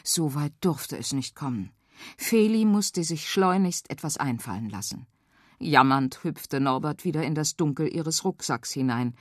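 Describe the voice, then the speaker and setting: Animated woman reading a children's story. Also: low voice, breathy edge, dry recording, studio quality. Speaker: narrator.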